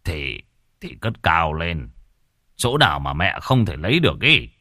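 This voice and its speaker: A man's voice: low-pitched, very animated, unhurried, pushed and bright, no echo, studio quality, voice pushed down, exaggerated voice. A man voicing a stern older brother, curt and scolding.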